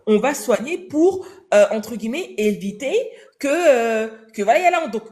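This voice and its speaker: A young woman tells her story in a relaxed interview, full of street slang and quick asides. Her pitch sits a little high and swings widely as she goes, and she slips into voices when she quotes people. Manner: animated, slangy, acts out dialogue in quoted voices.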